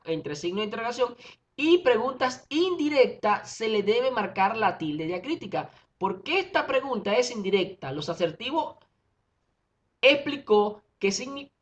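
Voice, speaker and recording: A woman teacher explaining a grammar lesson, reading out examples and checking in with short questions. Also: mid-range voice. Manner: reads out examples, checks in with '¿ve?' and '¿verdad?'. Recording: dull lo-fi recording.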